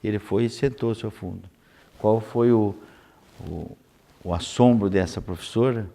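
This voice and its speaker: A man São hosting an unscripted conversational interview, haltingly repeating words as he searches for phrasing. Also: lowish voice, gravelly, warm tone. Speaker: interview host.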